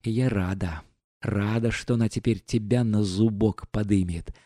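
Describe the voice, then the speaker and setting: In a storybook reading, an imperious older noblewoman scolds and flares up at every turn, as a male reader puts her on. The voice stays dark and mellow, heard close and dry with no room around it. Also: fairly low pitch, fairly even intonation, dry recording. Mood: agitated scolding. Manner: scolding, quick to anger.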